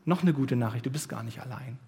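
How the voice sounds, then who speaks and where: A man preaching a sermon at a church service, conversational and lively, with casual asides. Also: mid-range voice, quick pace. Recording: reverberant church hall.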